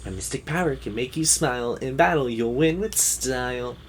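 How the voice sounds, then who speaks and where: A man's voice: mid-range voice, normal speed, a little hiss or hum, close to an everyday voice. A man voicing a cute female fortune teller from a video game, reciting cheerful, mystical patter in singsong rhymes. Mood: cheerful, reassuring. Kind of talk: reading video game dialogue aloud.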